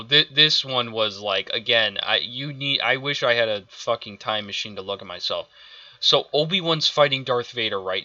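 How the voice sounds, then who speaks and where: A man's voice: mid-range voice, bright, forceful tone, dry recording, lo-fi sound. A man ranting through a show review, exasperated and profane, stumbling over restarts as he vents. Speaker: video reviewer.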